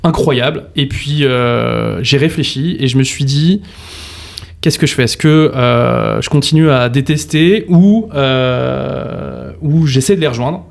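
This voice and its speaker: A man's voice: medium pitch, slow pace, gravelly. A man hosting a casual podcast interview, chatty and enthusiastic, filling his speech with fillers and slang. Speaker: podcast host, mortgage broker.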